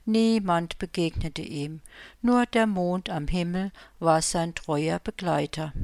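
A woman reading her own Christmas story aloud, calm and unhurried. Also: on the low side, no room sound.

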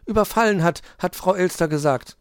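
A man voicing an eager little male hedgehog who plays detective in a storybook, insistent and excited. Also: high-pitched, brisk, clean tone, no echo, studio quality, pitched above the performer's own voice, natural voice. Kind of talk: storybook read-aloud.

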